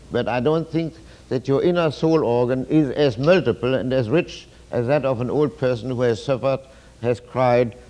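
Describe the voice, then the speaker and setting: Halting lecturing man with a mellow voice. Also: medium pitch. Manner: halting, with many restarts; philosophical, emphatic. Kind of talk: university lecture.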